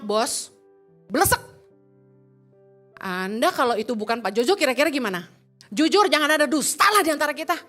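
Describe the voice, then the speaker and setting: A woman pastor preaching a sermon in a lively, joking way, quizzing the congregation and slipping in English phrases. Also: very high voice. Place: church.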